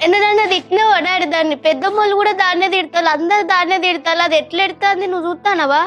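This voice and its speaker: A woman's voice: very high-pitched, fairly even intonation, very fast, a bit bright, faint music behind. An actress with a Telangana Telugu accent playing a distressed young daughter who reproaches her drinking father. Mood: reproachful. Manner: reproachful, urgent. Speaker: actress in a family web drama. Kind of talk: dialect family drama acting.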